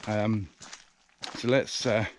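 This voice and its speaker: Low-voiced British man walking outdoors. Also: fairly even intonation, slow, background noise. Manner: rambling, hesitant, many fillers. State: out of breath. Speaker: vlogger reviewing a camera. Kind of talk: casual walking vlog. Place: outdoors in the countryside, walking by a river. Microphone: action camera's built-in mic.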